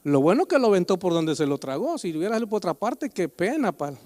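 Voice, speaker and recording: A man with a high voice delivers a Sunday sermon, mixing humor with earnest exhortation and talking to his congregation like a brother. His words ring out with a long reverb through the church sanctuary. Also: big pitch swings, fast, a little mellow. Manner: joking, conversational preaching, often calling the listener "hermano". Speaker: preacher.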